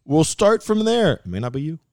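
A man with a Miami accent co-hosting a podcast, talking in a lively way and mixing in Spanish words. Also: a little high, brisk, no room sound, clean studio sound. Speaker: podcast co-host. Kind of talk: casual chat.

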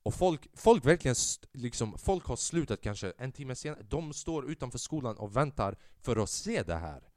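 Animated young man telling a story. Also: few pauses, dry recording, clean studio sound. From Sweden. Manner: animated, swings from loud outbursts to low mutters; mixes in English slang and swearing. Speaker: podcast host. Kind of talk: casual storytelling.

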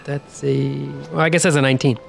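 A man's voice: mid-range voice, flat delivery, fairly quick, gravelly, soft background music. A man playing a tabletop game, casual and hesitant. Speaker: player.

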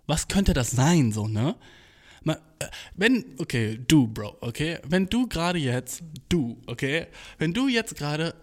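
A man's voice: fairly high pitch, big pitch swings, measured pace. Slangy young man on a phone mic. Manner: slangy, full of English swearing, "Bro" and "Dude". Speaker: podcaster. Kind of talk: casual solo podcast monologue. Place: small makeshift home studio. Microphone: cheap smartphone.

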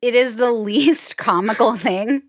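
A woman's voice: a little high, unhurried, no echo, clean studio sound. A woman reacting and asking questions in a casual podcast conversation.

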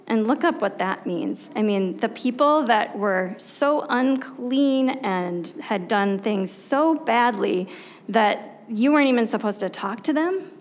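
A woman pastor giving a conversational sermon, reflective and unhurried, who often asks her listeners rhetorical questions and pauses with soft fillers. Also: a little high.

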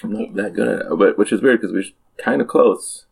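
A woman's voice: very deep voice, sing-song, a little fast, gravelly, a little mellow, breathy edge. A woman in a casual brainstorming chat, asking dry, steering questions.

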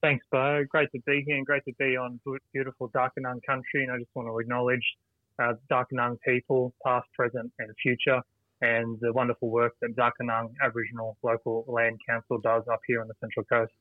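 A man's voice: medium pitch, monotone, fairly quick, no echo. Aussie guy explaining stuff earnestly, sounds tinny like a phone call. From Australia. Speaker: guest, history teacher. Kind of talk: interview answers.

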